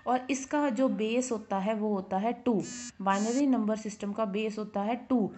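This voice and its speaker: A woman teacher explaining a school lesson in Hindi, reading English lines slowly and asking and answering her own questions. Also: medium pitch, a little mellow, slight background noise. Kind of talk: classroom lesson. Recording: dull lo-fi recording.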